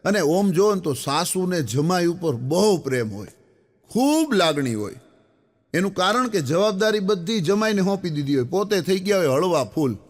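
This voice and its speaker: A middle-aged man with a Kathiyawadi Gujarati accent performs as a folk comedian, spinning comic stories in a homely, conversational way. His voice sits high for a man. He keeps turning to speak directly to his listeners. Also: very animated, moderate pace. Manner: folksy, chatty, addresses the audience directly. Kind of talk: live comic storytelling.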